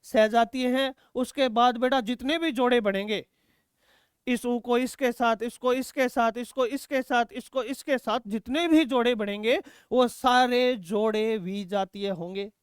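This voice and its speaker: A man's voice: extremely high pitch, measured pace, clean tone, no room sound, studio quality. A male teacher taking students through exam quiz questions, asking questions and answering them himself and calling students "beta". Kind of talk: exam-prep quiz lesson.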